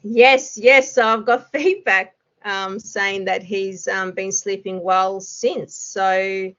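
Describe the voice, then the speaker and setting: A woman's voice: medium pitch, fairly even intonation, slow, fairly bright tone, highs cut off. Chatty woman, laughing often. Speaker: hypnosis student. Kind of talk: casual interview chat.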